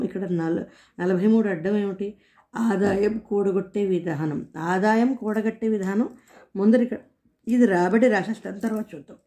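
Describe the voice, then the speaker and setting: A woman solving a crossword aloud, slowly musing as she reads out clues and tries answers. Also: mid-range voice, warm tone. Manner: thinking aloud, slow and musing. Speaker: puzzle solver.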